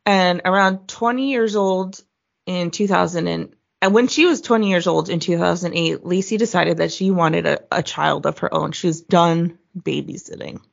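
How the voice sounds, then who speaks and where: A young woman co-hosting a podcast, telling a true crime story in casual chat, swearing freely and acting out quotes in a higher voice. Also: moderate pace, gravelly, dull audio.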